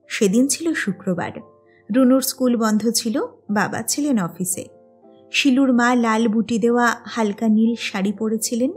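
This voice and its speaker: A woman calmly narrating a novel aloud in a measured reading style. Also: a little high, husky. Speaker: audiobook narrator.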